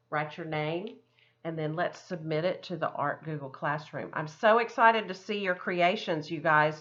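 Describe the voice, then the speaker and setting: Her fairly low voice comes across bright and forceful despite dull audio. As an art teacher giving a demonstration, she talks kids through a craft one step at a time, keeping it casual, chatty and encouraging.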